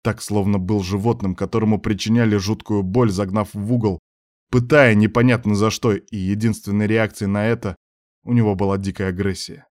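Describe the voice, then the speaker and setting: A man reading a dramatic story aloud, steady in his narration. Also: fairly low pitch, brisk, dry recording, clean studio sound. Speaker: audiobook narrator. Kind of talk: scripted narration.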